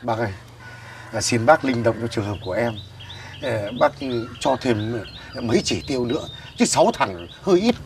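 A man's voice: medium pitch, lively intonation, moderate pace, gravelly, far from the mic, slight background noise. A man playing a football team boss who wheedles an official for more slots and bickers with a rival. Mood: wheedling.

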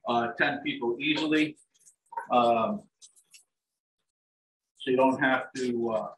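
In a big home kitchen, a middle-aged chef and dining services director demonstrates a dish live, talking through each step at ease and frequently using "um" and "like I said." His voice is mid-range. Recorded by a fixed camera across the counter, he sounds distant amid the kitchen's echo and a faint hiss, while turkey sizzles in a pan.

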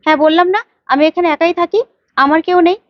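A woman's voice: very high-pitched, fairly even intonation, fast talker, dry recording, pitched above the performer's own voice. A woman voicing an older village mother who is secretive and scolding, on a dull lo-fi recording. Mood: defensive, hostile. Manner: defensive, scolding, shoos visitors away.

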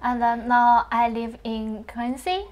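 Slow, careful young woman. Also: fairly high pitch, little pitch movement, lo-fi sound, a little hiss or hum. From China. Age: young adult. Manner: careful, simple phrasing with pauses. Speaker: guest, English student. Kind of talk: interview answers. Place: TV studio.

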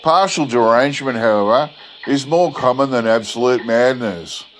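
A man reading an old-fashioned literary yarn as a narrator, in a measured, scripted style. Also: medium pitch, a little hiss or hum, rough recording.

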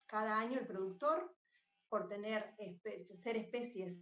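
A woman explains her startup's technology in a clear, lightly scripted pitch. She sits away from the mic in an echoey room, and the call audio sounds dull and muffled. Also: unhurried, fairly bright tone. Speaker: R&D lead presenting a startup. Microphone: video call. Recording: roomy, distant, dull video-call audio.

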